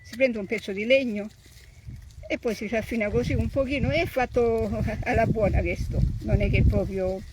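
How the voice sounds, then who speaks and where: An older woman with a Sicilian accent talks through farm work in simple, homespun phrases that often repeat. Her voice sits high. She is recorded outdoors in the country, with faint birdsong and ambient noise. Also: moderate pace. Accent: Sicilian Italian. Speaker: traditional tomato grower. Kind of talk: informal explanation of farm work.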